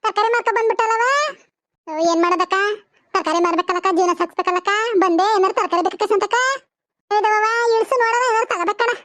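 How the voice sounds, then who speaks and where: A woman's voice: extremely high pitch, fast talker, a bit bright, no room sound, clean studio sound. A woman voicing a humble young vegetable seller in a cartoon. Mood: plaintive. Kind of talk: cartoon voice acting.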